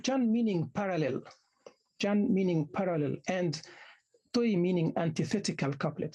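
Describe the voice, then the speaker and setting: A man, a native Arabic speaker, lecturing postgraduate students in a halting way, often restarting and repeating words as he explains. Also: high-pitched, darkish tone, husky. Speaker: university lecturer. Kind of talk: academic lecture.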